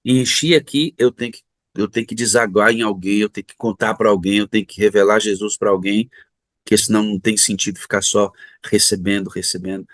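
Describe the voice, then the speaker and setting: A man's voice: lowish voice, fairly even intonation, fairly quick, a bit bright, no room sound. Brief: middle-aged Brazilian man, church interviewer, effusive, dry close sound.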